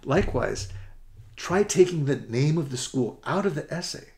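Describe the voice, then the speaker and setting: A middle-aged man giving an upbeat, rushed presentation as a college essay coach, often correcting himself mid-sentence. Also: on the high side, lively intonation, darkish tone. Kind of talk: presentation to parents and students.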